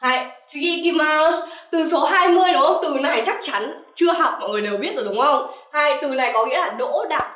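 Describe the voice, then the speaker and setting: A young woman teaches Japanese vocabulary, calling herself sensei and constantly checking in with "right?". Her high, animated, fairly bright voice moves fast with hardly any pauses. She is recorded off-mic from a distance in an echoey room, with soft music playing in the background.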